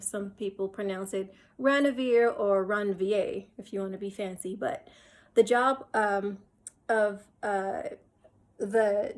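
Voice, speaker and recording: Female lecturer, mid pitch, talks through slides step by step, repeats herself, frequent um and uh. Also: darkish tone. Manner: explains step by step, repeats points, many fillers and restarts. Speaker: teacher. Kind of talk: recorded lecture over slides.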